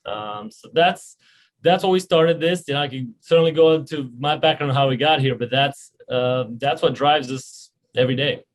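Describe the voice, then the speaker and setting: A man in his thirties speaks as a guest on a podcast. He talks earnestly and at medium pitch. He restarts often and fills his pauses. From Romania. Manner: earnest, many restarts and filler words. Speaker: health insurance company founder and CEO. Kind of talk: podcast interview.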